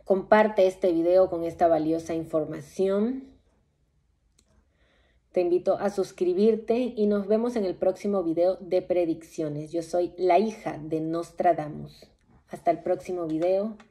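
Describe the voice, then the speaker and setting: Slow, dark-voiced woman psychic. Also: on the low side, steady tone. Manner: slow, hushed, repeating exclamations. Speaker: psychic video host. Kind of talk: dramatic crystal-ball prophecy narration.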